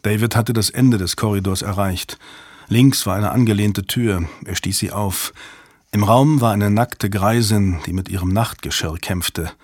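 A man narrating a thriller audiobook in measured, even storytelling. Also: fairly low pitch, dry recording, clean studio sound. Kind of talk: scripted narration.

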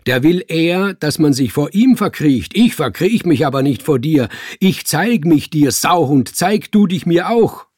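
A man voicing a fat, drunken house owner who shouts curses in anger. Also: fairly high pitch, moderate pace, no echo, studio quality, voice pushed up, lightly acted. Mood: angry. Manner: angry shouting, cursing.

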